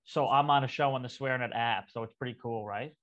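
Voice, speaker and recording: A man's voice: medium pitch, fairly quick, a bit bright, dull audio. A man with a Cape Breton accent chatting casually, telling stories in a blunt, profane, rambling way. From Cape Breton, Nova Scotia, Canada. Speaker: comedian guest. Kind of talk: casual chat.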